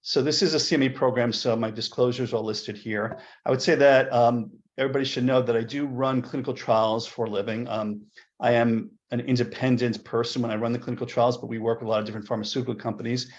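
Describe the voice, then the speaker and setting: A male physician giving a webinar talk with slides, chatty and relaxed, sometimes repeating words. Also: medium pitch, quick pace, dull audio. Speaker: physician presenter at a medical webinar. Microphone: video call.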